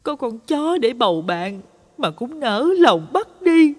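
A woman's voice: on the high side, big pitch swings, slow, long reverb tail, full character voice. Woman doing an enraged grieving old woman. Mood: furious grief. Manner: bitter, vengeful cursing. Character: grieving old village woman cursing in rage.

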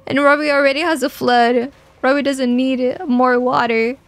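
A woman's voice: sits high, flat delivery, measured pace, no echo. A young adult woman streaming a video game, chatting playfully with her viewers and answering their messages with mock anger and jokes. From Portugal. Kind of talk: casual gameplay commentary chatting with viewers.

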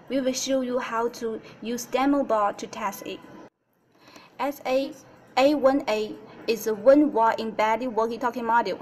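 Seated at a desk indoors, a higher-pitched woman works through a semi-scripted product tutorial for her company. Her non-native English comes out haltingly, with repeated phrases, over a slight background hiss or hum.

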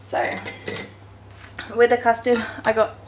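A home cooking vlogger speaks slowly in a voice on the high side, with little pitch movement. She chats her way through a casual baking walkthrough and corrects herself while working. Her kitchen is echoey, with faint noise present.

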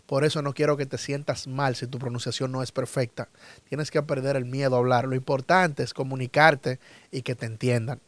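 A man whose first language is Spanish, teaching a lesson and repeating each word slowly and firmly for his students. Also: mid-range voice, fairly even intonation, no room sound. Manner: repeats words slowly and emphatically for learners. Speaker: English teacher. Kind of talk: slow, drilled language lesson.

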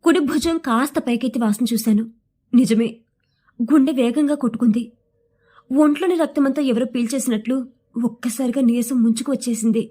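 A woman with a high, light voice reads a dark first-person story aloud. Her telling is expressive and tense, pulling the listener through each anxious moment of the tale. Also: brisk. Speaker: audio story narrator. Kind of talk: dramatic storytelling reading.

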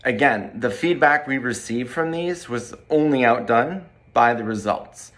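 A man in his forties, a corporate training director, reading a measured, polished testimonial to camera in a bright room by large windows. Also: mid-range voice, lively intonation.

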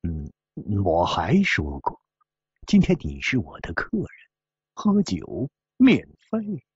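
A man's voice: low voice, wildly swooping pitch, slow, slightly rough, dry recording, highs cut off, voice pushed down, full character voice. A man voicing a genial, chuckling little old man who hosts a wine table.

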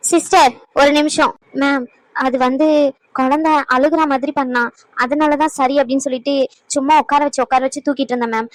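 A woman's voice: high-pitched, fairly even intonation, a little fast, dry recording, close to an everyday voice, low-quality recording. A woman voicing a stern scolding cartoon mother. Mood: apologetic. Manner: scolding, repeated demanding questions. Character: stern young mother who also plays a timid nurse. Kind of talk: cartoon voice acting.

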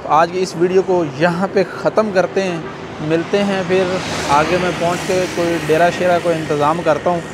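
Worn out from an all-night ride, a Pakistani man vlogs casually to camera by a highway and inside a roadside restaurant, holding the selfie camera at arm's length with a clip-on mic. His delivery is flat and at normal speed, yet chatty, with lots of "jo hai na" and addresses to viewers as brothers. Traffic can be heard passing.

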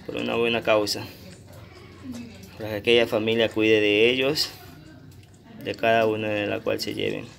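A man, filming and chatting playfully to his puppies, often slipping into squeaky baby talk. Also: level tone, moderate pace, vocal fry, pauses often, a bit bright. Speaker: vlogger. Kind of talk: casual talk to dogs on camera.

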